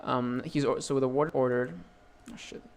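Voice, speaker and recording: A man's voice: mid-range voice, flat delivery, fairly quick, a little mellow, slight background noise. A young man running a tabletop game as dungeon master, narrating with many fillers and restarts.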